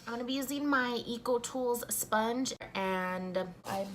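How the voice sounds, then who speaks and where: A young woman doing a casual makeup review at home, talking softly and a little sleepily as she applies primer. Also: a little high, a little slow, slight background noise. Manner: soft-spoken, just woken up. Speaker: beauty vlogger.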